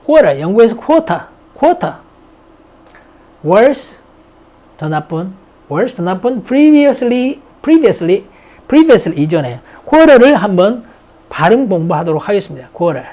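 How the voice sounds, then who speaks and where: An unhurried grammar teacher works through a vocabulary list, saying each English word several times before explaining it. The voice swings widely up and down, and the teacher keeps posing and answering their own questions. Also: mid-range voice, very animated, warm tone. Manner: drills words by repeating them, asks and answers own questions; mixes English words into slow explanations.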